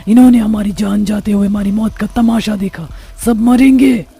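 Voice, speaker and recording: A woman voicing a vengeful ghost witch in a cartoon, menacing and gravelly. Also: medium pitch, fairly even intonation, normal speed, warm tone, a little hiss or hum, lightly acted. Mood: furious.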